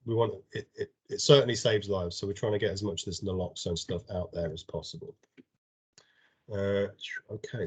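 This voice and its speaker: A man with a lowish voice, heard over a video call. He runs an informal awareness session, explaining things in plain terms. He often stumbles into repeated words before landing his point. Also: a little mellow. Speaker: drug and alcohol awareness trainer. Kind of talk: informal training talk. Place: home or office on an online meeting. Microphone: computer or headset mic on a video call.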